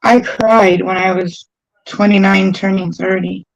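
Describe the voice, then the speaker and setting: A woman's voice: mid-range voice, fairly even intonation, a little slow, gravelly, dry recording, lo-fi sound. A woman in her forties chatting casually on a livestream, talkative and poking fun at herself. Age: 40s. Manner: talkative, self-deprecating.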